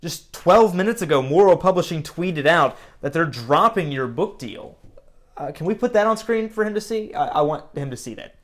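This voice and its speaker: A man's voice: fairly high pitch, expressive, moderate pace, fairly bright tone. A man playing a polished, pointed and smug live TV news host in a screen drama. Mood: smug, needling. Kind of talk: broadcast interview acting.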